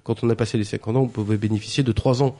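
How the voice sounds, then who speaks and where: A man's voice: lowish voice, fairly even intonation, rapid-fire, dark tone. A man presenting a radio press review, hesitant, with many fillers and restarts. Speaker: news columnist.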